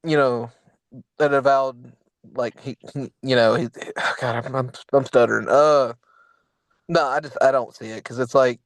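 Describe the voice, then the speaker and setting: A man's voice: medium pitch, fairly even intonation, unhurried, dry recording, poor audio. A young man co-hosting a casual political podcast, rambling with lots of fillers and restarts. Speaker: podcast co-host.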